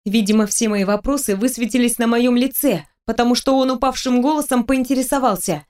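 A woman with a higher-pitched voice reads a first-person fantasy audiobook at a fairly quick pace. She tells the story expressively, speaking the heroine's lines in her own voice.

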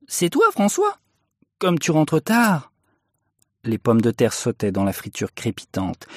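A man reading a classic novel aloud in a measured, expressive way. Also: lowish voice, no echo, clean studio sound. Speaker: narrator.

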